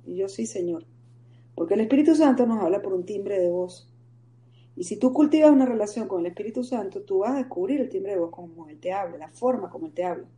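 A woman, telling her faith story in an animated interview and acting out the voices in it. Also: medium pitch, fast. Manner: animated, storytelling, acts out quoted dialogue. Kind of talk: conversational interview.

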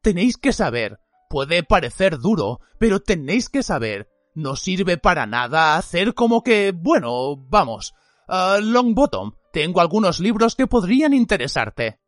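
A man's voice: high voice, very animated, a little slow, no room sound, clean studio sound, faint music behind. A man playing a stern, growling old wizard teacher in an audiobook. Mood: gruffly gentle. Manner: growling, emphatic lecturing. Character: grizzled gruff old male wizard teacher, stern and watchful. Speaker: voice actor in an audiobook.

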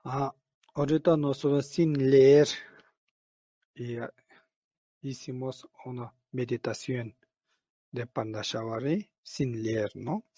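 A man, not a native Spanish speaker, with a foreign accent, leading guided meditation as a teacher in halting, broken phrasing. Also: medium pitch, steady tone, dark tone, breathy edge, dry recording. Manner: halting, broken grammar, often tags phrases with a questioning "no?".

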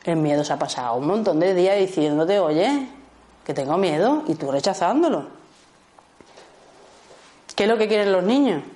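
A woman with a Spanish accent, teaching a small group in a lively way, acting out short exchanges and often checking in with her listeners. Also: lowish voice, normal speed, pauses often. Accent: Spanish from Spain. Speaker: workshop teacher.

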